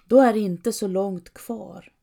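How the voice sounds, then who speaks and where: A woman's voice: mid-range voice, steady tone, vocal fry. A woman voicing a remorseful husband. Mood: calm. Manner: quiet, apologetic. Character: remorseful, shaken husband, adult man.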